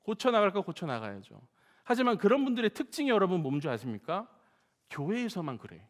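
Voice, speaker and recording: Animated male pastor in echoing church. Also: sits high, brisk. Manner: animated, humorous storytelling, addressing the congregation. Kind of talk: sermon. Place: church sanctuary. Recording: long church hall reverb.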